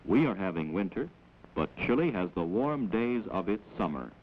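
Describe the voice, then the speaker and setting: Heard on a dull, noisy 16mm soundtrack, a 1940s American film narrator delivers instructive explanations at a measured pace. He is male, with an animated, low voice.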